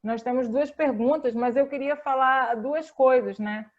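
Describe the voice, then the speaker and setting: A woman's voice: high-pitched, a little slow, narrow, tinny audio. A Brazilian woman librarian moderating an online panel, speaking earnestly and tagging her sentences with questions. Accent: Brazilian Portuguese. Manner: earnest, repeats "né?" often.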